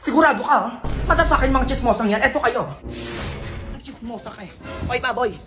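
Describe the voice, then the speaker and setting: A woman performing comic family skits, switching quickly between bickering characters. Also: fairly high pitch, over music. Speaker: comedy sketch creator.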